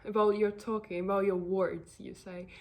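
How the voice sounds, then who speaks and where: A woman's voice: mid-range voice, little pitch movement, moderate pace. A woman giving casual self-help advice to camera, earnest and encouraging, rambling with many fillers and restarts.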